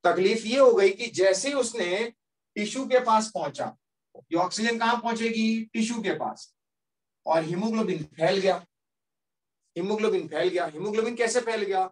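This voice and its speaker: A man teaching a classroom lesson, turning it into a story and asking students to confirm they follow. His voice is high. He sounds distant from the mic in the room. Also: normal speed. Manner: lively, keeps checking with students. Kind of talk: classroom lecture told as a story.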